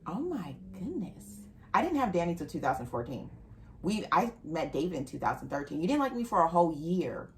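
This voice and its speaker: A woman's voice: fairly low pitch, very animated, a little fast, a little hiss or hum. A woman hosting a podcast, chatting casually and playfully with a friend. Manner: playful, chatty, laughs easily. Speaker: podcast host. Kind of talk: casual chat.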